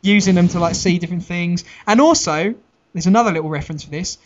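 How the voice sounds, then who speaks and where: Young man, podcast co-host, higher-pitched voice, muffled lo-fi sound. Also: fast talker, a little hiss or hum. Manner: laughs a lot, crude banter. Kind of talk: casual chat. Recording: dull lo-fi podcast recording.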